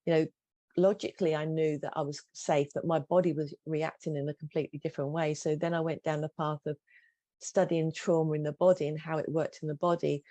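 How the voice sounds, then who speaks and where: A woman's voice: low-pitched, dark tone, no room sound. A middle-aged woman, a coach telling her personal story candidly and earnestly in an interview. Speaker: guest coach.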